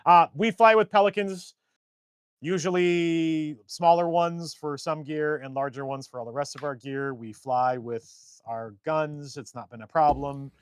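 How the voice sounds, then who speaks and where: Brief: chatty male stream co-host, slightly high voice, dry close sound. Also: a little slow, smooth, dry recording. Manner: rambling, animated storyteller. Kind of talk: casual chat. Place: indoors, a shed workshop.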